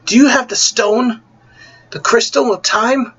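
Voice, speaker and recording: A man's voice: very high-pitched, measured pace, fairly bright tone, breathy edge, lo-fi sound, voice pushed up, exaggerated voice. A man doing Greed, an anxious young hero. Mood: urgent. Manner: urgent, pleading.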